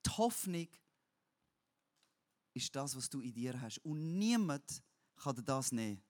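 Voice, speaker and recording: A man preaching a sermon, swinging between loud emphatic cries and low, quiet passages, with some blunt everyday words. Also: sing-song, measured pace. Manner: uses crude everyday words.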